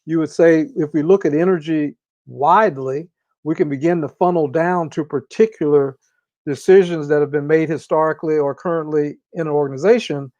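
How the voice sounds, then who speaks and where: A man speaking as an interview guest, explaining ideas in a measured, deliberate way with long pauses. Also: on the high side, darkish tone, dry recording, lo-fi sound. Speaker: interview guest, organizational consultant. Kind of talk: reflective conversational explanation.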